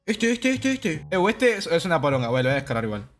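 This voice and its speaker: A man's voice: a little high, very animated, fast talker, over music. A young man with an Argentine accent, a brash, profane streamer reading game text aloud and commenting. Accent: Rioplatense Spanish. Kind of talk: casual gameplay commentary.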